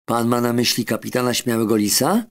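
A man's voice: medium pitch, brisk, lightly acted. A man voicing a chatty pod of gossiping dolphins in a children's audiobook. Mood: reassuring.

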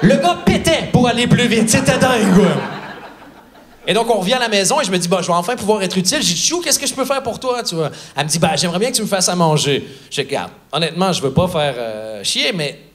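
High-voiced comedian telling a story. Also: male voice, very animated, fast. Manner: storytelling, acting out the people he quotes. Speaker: stand-up comedian. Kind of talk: stand-up comedy set. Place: theatre stage before a live audience.

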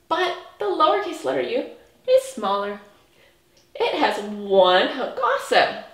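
A woman's voice: fairly high pitch, fairly bright tone. A woman in her thirties teaching a preschool alphabet lesson in a broad singsong manner, emphatic and drawn out for small children. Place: small indoor room, in front of a whiteboard. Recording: roomy indoor echo.

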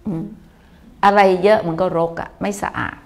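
Older woman, Buddhist teacher, live talk. Teasing and warm, acts out small examples, voice of middle pitch. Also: steady tone, moderate pace, gravelly. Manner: warm, teasing, acts out little quoted lines. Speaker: Buddhist teacher answering viewer questions. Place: temple in Melbourne.

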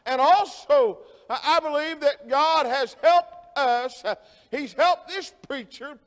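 A man preaching a sermon as pastor, slow and halting with many fillers and repetitions, rising to emphatic near-shouting. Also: very high voice, in a large hall. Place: church sanctuary.

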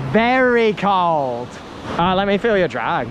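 A young Australian man chats excitedly while fishing from the shore, with a fairly high voice. He records on a head-mounted camera, so surf and wind are clearly heard behind him. He exclaims and laughs as he fishes. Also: highs cut off. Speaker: fishing channel host. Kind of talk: casual fishing vlog chat. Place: outdoors on a surf beach at sunset. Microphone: head-mounted action camera. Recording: loud surf and wind noise outdoors.

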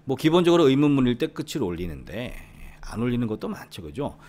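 A man's voice: medium pitch, very animated, fast talker, a little mellow. A middle-aged man from Korea's Gyeongsang region giving an English lecture, talking conversationally, checking in with the listener and repeating key words. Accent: Korean with Gyeongsang roots. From Gyeongsang region, South Korea. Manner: conversational, often seeking agreement with the listener; repeats key words and drops into a near whisper. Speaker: English academy teacher. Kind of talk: explanatory lecture.

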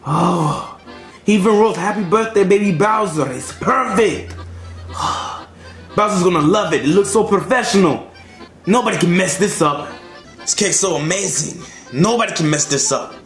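A man's voice: high-pitched, moderate pace. A man voicing a bumbling, hot-tempered chef who whines and swears. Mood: flustered. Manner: whiny, swearing, flustered. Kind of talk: puppet comedy skit acting. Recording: roomy echo, faint music.

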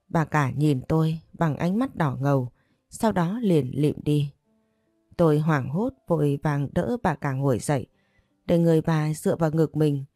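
A woman narrating a short story in first person, calm and steady, at a close mic. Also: low voice, no echo.

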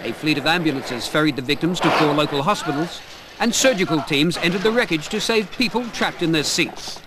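A man reporting a news story in a measured, formal, scripted delivery. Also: on the high side, noisy background.

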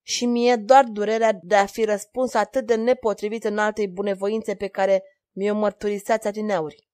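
A woman reading the part of a young knight who is calm and loyal and speaks in a grave, measured tone. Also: mid-range voice, natural voice.

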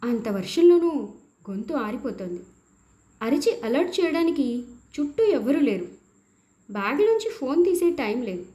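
Expressive woman narrating a story. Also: high voice, moderate pace, long pauses. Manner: expressive first-person storytelling, tense and emotional.

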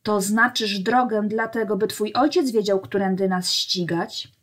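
Brief: woman reading as a vicious male rider, hissed and loud. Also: mid-range voice, unhurried, natural voice. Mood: hissing. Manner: hissing, spiteful. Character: furious cruel male desert rider.

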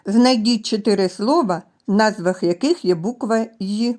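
A woman teaching a literacy lesson to young children, speaking gently and stretching out sounds as she addresses them. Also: mid-range voice, normal speed. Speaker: preschool teacher. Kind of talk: slow, clearly articulated literacy lesson for children.

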